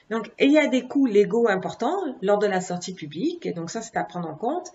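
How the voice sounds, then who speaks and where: Woman teaching trading, lo-fi sound. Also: a little high. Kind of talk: explaining stock charts in a screen-share lesson. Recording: dull lo-fi recording.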